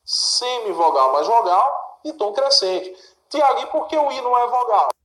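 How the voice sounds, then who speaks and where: The recording is echoey, and the male teacher's voice is very high-pitched and a bit bright, with lively intonation at a moderate pace. Going through exam questions methodically, he poses questions, supplies the answers, and checks in with listeners.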